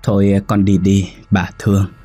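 A soft-spoken, devout old grandmother who coaxes and soothes in a low, husky tone, as a male narrator voices her. Her words come gently and unhurried. She is a character in a spoken ghost story. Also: monotone. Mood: soothing. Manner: gentle, coaxing.

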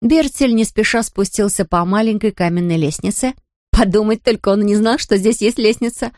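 A woman narrating a children's story in a gentle, steady storytelling manner. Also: medium pitch, moderate pace, no echo, clean studio sound.

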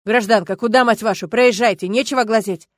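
A stern, barking militia officer, as a woman reads him in an audiobook, loud and curt. The recording is dry and close, with no room sound. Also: medium pitch, brisk, no echo, natural voice. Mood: gruff. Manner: gruff, barking orders. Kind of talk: audiobook narration.

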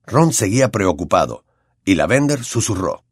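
A man with a Latin American Spanish accent narrating an audiobook in an expressive storytelling way. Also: lowish voice, moderate pace, husky, no echo.

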